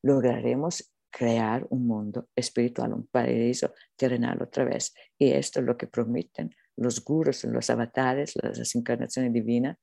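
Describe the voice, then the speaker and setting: A non-native Spanish speaker giving an earnest, unscripted spiritual talk, haltingly searching for words. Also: mid-range voice, little pitch movement, vocal fry, warm tone, no room sound, studio quality. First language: not Spanish. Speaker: spiritual teacher being interviewed.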